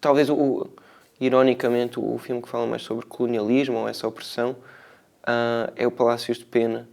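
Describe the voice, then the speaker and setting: A man with a European Portuguese accent speaks in a gravelly, fairly even voice. He is a filmmaker giving spontaneous interview answers, feeling his way through ideas with hesitations and small tag questions. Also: mid-range voice. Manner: hesitant, reflective, searching for words, frequent tag questions.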